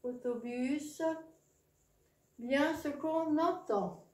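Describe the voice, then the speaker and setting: A woman's voice: high voice, extremely slow, a little mellow, echoey room. A woman teaching a reading lesson to young children, patient and encouraging.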